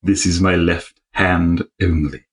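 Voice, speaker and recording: A man hosting a casual comedy podcast, reading out listener questions with dry, deadpan humor. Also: deep voice, takes it slowly.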